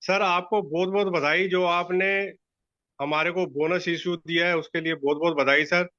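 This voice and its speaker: Man from Delhi on a dull phone line: a polite shareholder who keeps saying sir. Bright, tight tone, dry sound. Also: high-pitched, fairly even intonation, normal speed, no echo. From Delhi, India. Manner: polite, says "sir" often. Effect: heard over a phone or audio line. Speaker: shareholder and shopkeeper asking a question. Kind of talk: formal question at a shareholder meeting. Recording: muffled, dry audio line.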